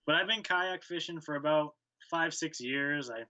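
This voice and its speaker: A man's voice: a little high, moderate pace, bright, forceful tone, dull audio. A young man from Connecticut answering interview questions about fishing, laid-back and plain-spoken with short answers. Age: young adult. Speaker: guest angler.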